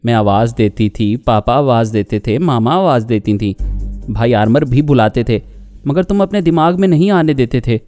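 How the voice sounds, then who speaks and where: A man's voice: mid-range voice, expressive, moderate pace, mellow, faint music behind, close to an everyday voice. A man voicing a naive, childlike young woman who pleads artlessly in a storybook reading. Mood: childlike, pleading.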